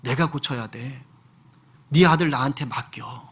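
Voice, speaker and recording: A deep, quiet divine voice, as a male preacher puts it on, firm and slow, like a father setting a son straight. It drops well below the speaker's usual pitch and sinks to a near murmur. The delivery is steady and unhurried. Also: breathy edge. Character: God, a low fatherly voice rebuking then comforting.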